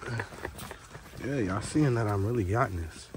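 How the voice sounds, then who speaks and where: A young man narrates his own snowy rock climb into a handheld phone camera. His talk is slangy and hyped, always aimed at the viewers. Outdoor noise and mic handling sit clearly under his voice. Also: fairly low pitch, animated, moderate pace. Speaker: vlogger filming himself. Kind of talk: casual vlog narration while climbing. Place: snowy rocky mountain trail outdoors.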